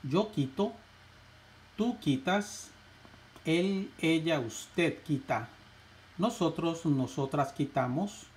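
A man teaching a lesson, reciting verb conjugations in a slow, measured drill with rising lists. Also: a little high, lively intonation, darkish tone, a little hiss or hum. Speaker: Spanish teacher.

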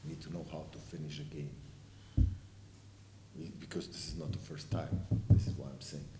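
At normal speed, a visiting basketball coach with a very deep, flat male voice answers reporters after the game. His manner is blunt and frustrated, with frequent self-corrections. Captured by a table mic, the press room with its sponsor backdrop sounds echoey and noisy.

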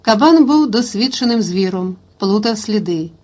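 A woman reading a historical novel aloud as an audiobook narrator, in steady, even storytelling. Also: mid-range voice, moderate pace.

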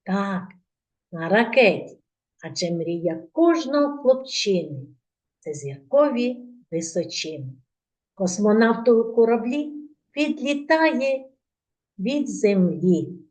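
A woman kindergarten teacher leading a speech lesson for preschool children, articulating each word clearly and prompting the group to repeat after her. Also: medium pitch, very animated, takes it slowly, a little mellow.

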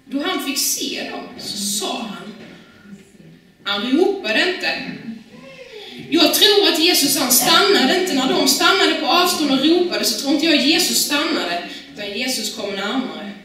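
Woman preacher, fairly high and bright, casual sermon delivery, echoey church sound. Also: lively intonation, recorded from a distance. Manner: conversational, with many fillers and restarts.

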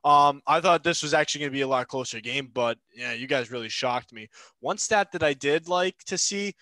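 A man's voice: medium pitch, brisk, pushed and bright, dry recording. A young man chatting candidly about a game as a guest, speaking into a gaming headset mic at home. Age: young adult. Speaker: guest analyst. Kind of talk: sports recap chat. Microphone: gaming headset with boom mic.

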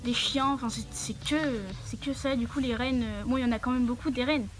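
High-voiced young woman through a costume head. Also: steady tone, fairly quick, faint music behind. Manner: hesitant, many fillers. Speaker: channel host answering questions. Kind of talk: casual Q&A vlog.

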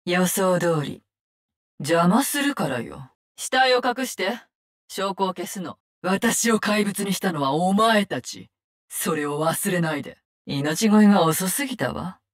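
Viper, a cold menacing assassin. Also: female voice, on the low side, expressive, a little slow. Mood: cold, bitter. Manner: contemptuous, curt, commanding. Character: menacing, cold, vengeful woman poison-gas assassin. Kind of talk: video game character barks in Japanese.

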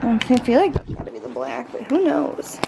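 Young woman vlogging, high voice w lots of fry, chatty and rambly. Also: lively intonation, brisk, background noise. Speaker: beauty vlogger. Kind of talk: casual vlog unboxing.

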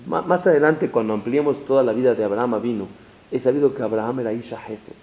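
A man, a rabbi giving a religious lesson in an animated, emphatic way, with Hebrew phrases mixed in. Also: mid-range voice, fast talker. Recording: roomy echo.

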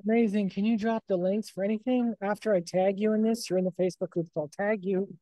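Friendly interview host, mid pitch, dry close sound. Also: fairly even intonation, fast, dark tone, dry recording, low-quality recording. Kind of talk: casual interview chat.

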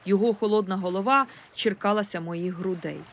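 A woman reading a first-person audiobook in an expressive, lively storytelling manner. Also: medium pitch, a little fast. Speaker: audiobook reader.

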